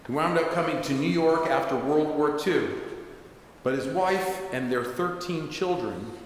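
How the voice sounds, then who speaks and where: A man's voice: a little high, measured pace. Male rabbi, conversational sermon storyteller, echoing hall with faint hiss. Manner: conversational, with asides. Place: synagogue sanctuary.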